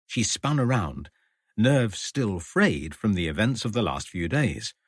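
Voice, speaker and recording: A man reading an audiobook in an expressive, measured storytelling manner. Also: on the low side, slightly rough, dry recording, clean studio sound. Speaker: audiobook narrator. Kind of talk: scripted narration.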